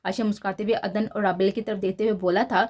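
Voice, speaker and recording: A woman narrating a romance novel aloud in a steady, even storytelling manner. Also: medium pitch, fast talker.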